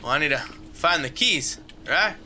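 A man's voice: a little high, lively intonation, moderate pace, sharp tone, a little hiss or hum. A man giving let's play commentary on a horror game, muttering to himself and yelping at every scare. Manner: jumpy, yelps and screams at scares. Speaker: gamer playing a horror game.

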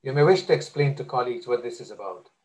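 A man's voice: mid-range voice, lively intonation, quick pace, darkish tone, low-quality recording. A man hosting a webinar, thanking speakers and guests and announcing the next session in a courteous, plain way. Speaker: webinar host. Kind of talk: moderating a webinar.

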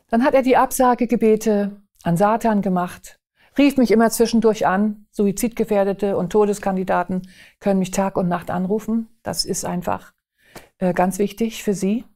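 A woman recounting a personal faith testimony in an earnest, emphatic way, slowing down on key phrases. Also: medium pitch, steady tone, dark tone.

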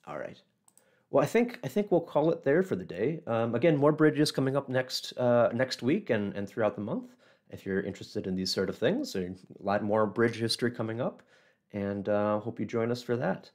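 A thirtysomething man with a cold-roughened, hoarse and scratchy voice hosts a laid-back local history livestream from a small office, using a webcam mic. He rambles along with lots of ums and false starts. His mid-range voice is expressive and darkish, moving at an ordinary speed.

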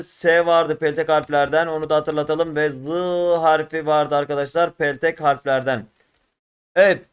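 A man with a Turkish accent teaching an exam-prep lesson, working through test questions and repeating syllables slowly. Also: high voice, clear, resonant tone. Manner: addresses viewers as friends, repeats syllables slowly and drawn out. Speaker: religious studies teacher.

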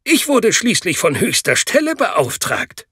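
A man voicing an impatient, grudging male professor, pitched higher than the narration, in an audiobook. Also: huge pitch swings, unhurried, a bit bright, husky, no room sound, studio quality, exaggerated voice. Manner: grudging and reluctant.

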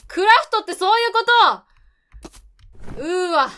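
High, bright excitable woman game streamer. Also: moderate pace. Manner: excitable, exclaiming reactions. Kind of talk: lively live game commentary.

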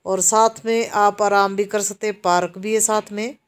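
Walking through a bustling outdoor market with a handheld camera, a medium-pitched woman from Himachal Pradesh, India, narrates a relaxed tour. Her delivery is slow and even as she describes the shops for viewers.

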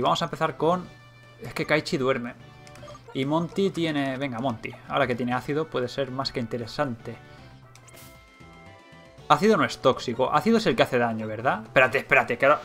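A young man with a Spain Spanish accent commentating a video game as he plays, thinking aloud, getting excited and swearing. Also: medium pitch. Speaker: let's play gamer.

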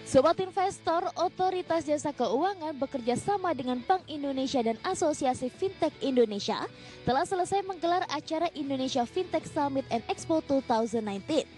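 A woman with a high voice reads a scripted business news voice-over in a bright, upbeat way. Faint music plays under her studio narration. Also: expressive, brisk. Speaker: segment presenter.

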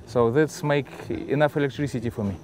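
A man with a Russian accent speaking halting, simple English in a casual interview, often repeating words. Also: mid-range voice, darkish tone, slight background noise. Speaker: adventurer and sailor, interviewee. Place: on a sailboat in a marina, cockpit and cabin. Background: music.

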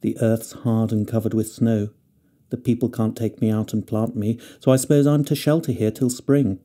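A man's voice: steady tone, moderate pace, warm tone, close to an everyday voice. A man voicing a wistful, yearning young fir tree. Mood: lonely. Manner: eager, yearning questions rising in pitch.

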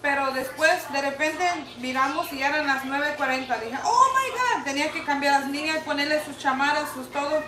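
A young woman, a mother, excitedly telling a story on a livestream and mixing in English words. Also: high voice, fairly quick, hardly any pauses, a crowd in the background. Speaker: co-host, mother. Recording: echoey, distant, noisy livestream audio.

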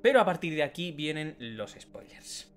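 A man's voice: fairly high pitch, sing-song, normal speed. A man from co-hosting a podcast, chatting casually and explaining things at length. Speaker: podcast co-host. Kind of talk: casual chat.

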